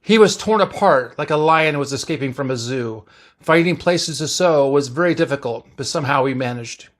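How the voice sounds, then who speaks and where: A man's voice: a little high, normal speed, fairly bright tone, natural voice. A man voicing McCoy, a brusque ship's doctor.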